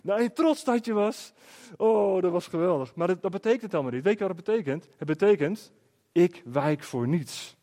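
Lively middle-aged man telling a story. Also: high voice, fast talker. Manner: lively, rhetorical, checks in with the listeners. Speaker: speaker. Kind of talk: storytelling talk to an audience.

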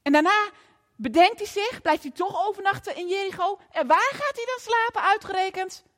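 A woman preacher delivering a lively storytelling sermon in a church, often asking the audience questions. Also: extremely high pitch, moderate pace, in a large hall.

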